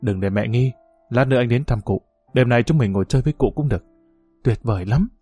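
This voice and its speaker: A man's voice: mid-range voice, fast, mellow, breathy edge, soft background music, pitched below the performer's own voice, natural voice. A man reading the part of a passionate young village woman, pleading and intimate in a story.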